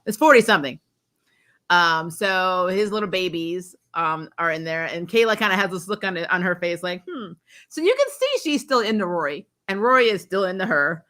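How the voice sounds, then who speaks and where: A woman runs a chatty livestream recapping a TV episode, acting out lines as she goes. Her delivery is giggly, rambling, and informal, with plenty of self-corrections. She speaks at normal speed in a lowish, sing-song voice that sounds pushed and bright.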